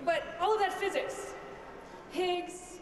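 High-voiced woman speaking in an echoey hall. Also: slow, crowd noise, background noise. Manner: punchy, listing with rhythm. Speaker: speaker at a physics event. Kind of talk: short public speech. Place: large hall.

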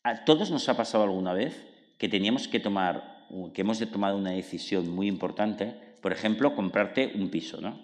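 Casting: male speaker, lowish voice, animated explainer acting out inner dialogues, live talk in a reverberant hall. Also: a little fast. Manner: lively explainer, acts out inner dialogues, tag questions. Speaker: author and psychologist. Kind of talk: public book talk. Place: cultural centre hall.

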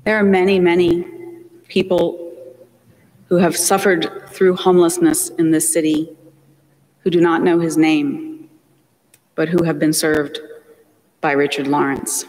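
Man, homilist at a funeral in a big church; higher voice, slow measured delivery, long church echo. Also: level tone, a little mellow. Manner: slow, measured, solemn delivery with deliberate pauses. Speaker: priest. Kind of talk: reading the Gospel and preaching a funeral homily. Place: large church, at the pulpit. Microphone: distant pulpit mic, far camera.

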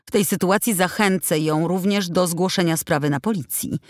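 A woman's voice: on the low side, moderate pace, a little mellow, dry recording, studio quality, lightly acted. A woman reading an audiobook, voicing an indignant, outspoken working woman who speaks in a heated, accusing, insistent way. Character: indignant middle-aged woman worker, outspoken. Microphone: close studio mic.

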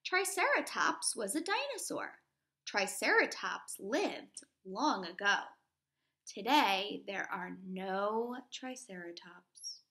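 During a read-aloud lesson, a thirties-aged woman who teaches primary school explains things simply to young kids and stops to ask questions. She speaks slowly in a mid-range, sing-song voice whose tone is bright and forceful.

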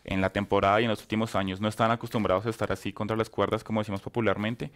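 A man with a Colombian accent chatting quickly as a panelist on a basketball show. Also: fairly low pitch, little pitch movement, a bit bright. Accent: Colombian Spanish. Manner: quick, talkative, laughs easily. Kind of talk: casual basketball panel talk.

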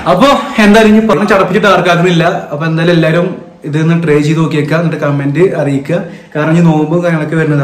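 A man's voice: a little high, a little hiss or hum. Echoey man vlogging in English-sprinkled Malabar Malayalam. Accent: Malabar Malayalam, northern Kerala. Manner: mixes English words and catchphrases into Malayalam. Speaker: cooking vlogger. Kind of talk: casual chat to viewers while cooking. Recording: roomy, echoing indoor sound.

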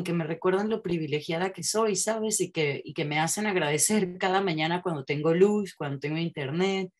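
Low-voiced woman, candid chat. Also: darkish tone. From Mexico. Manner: candid, frequent tag questions, restarts and swearing. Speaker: podcast guest. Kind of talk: casual conversational chat.

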